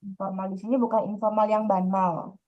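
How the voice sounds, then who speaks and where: A woman's voice: mid-range voice, level tone, a little fast. A woman teaching a grammar lesson, explaining patiently and repeating her points. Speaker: Korean language teacher. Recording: dull lo-fi sound.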